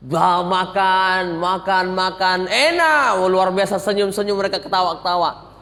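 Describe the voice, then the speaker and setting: A male preacher telling a story in a sermon, animated and theatrical, recorded in a mosque. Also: sits high, normal speed. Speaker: ustadz, preacher. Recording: echoey mosque hall.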